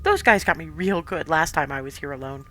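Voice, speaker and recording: A woman voicing a calm, wry young woman exploring a mine. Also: low voice, brisk, no echo, faint music behind.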